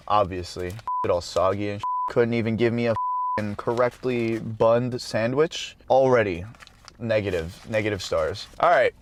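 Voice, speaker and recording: A man of average pitch hosts a casual mukbang, talking straight to the camera as he tries the food. He is blunt and jokey and swears freely, giving the food frank verdicts. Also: noisy background. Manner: profane, blunt and joking. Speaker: mukbang vlogger. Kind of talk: casual food-review chat.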